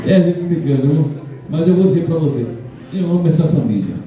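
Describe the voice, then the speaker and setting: A Brazilian pastor talks in a relaxed, joking way, laughing often. His voice is fairly high but dark and mellow. It comes from off the mic, echoing around a church hall. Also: quick pace, lo-fi sound. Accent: Brazilian Portuguese. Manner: jokey, chatty, laughs often. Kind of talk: casual church talk. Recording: echoey hall, mic from far off.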